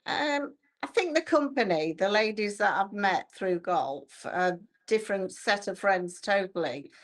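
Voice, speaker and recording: A woman's voice: mid-range voice, lively intonation, measured pace. An older woman, a golfer's mother, chatting casually with short, matter-of-fact answers. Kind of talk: casual chat.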